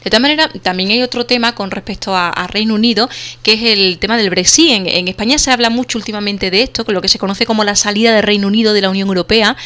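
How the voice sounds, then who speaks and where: A woman's voice: medium pitch, fast talker, fairly bright tone. A woman hosting a conversational radio interview. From Spain. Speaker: interviewer, host.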